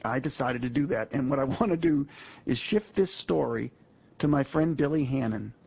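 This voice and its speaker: A man's voice: mid-range voice, normal speed, gravelly, breathy edge. A man in his sixties, a guest speaker telling a personal story to an audience in a folksy, emphatic way, addressing the listeners directly. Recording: muffled lo-fi audio.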